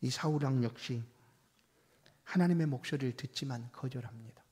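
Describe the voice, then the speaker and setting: Korean pastor preaching with big swings. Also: male voice, mid-range voice, moderate pace. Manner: swings from soft near-whisper to loud emphatic exhortation; acts out quoted voices in conversational tone. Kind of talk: sermon. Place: church sanctuary. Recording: long church reverb.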